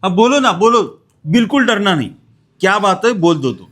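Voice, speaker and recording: A man plays a middle-aged father in a home short film. His voice sits high for a man, and he talks in a coaxing, then scolding way. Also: sing-song, normal speed, a bit bright. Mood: angry. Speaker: father-in-law. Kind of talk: amateur short-film acting.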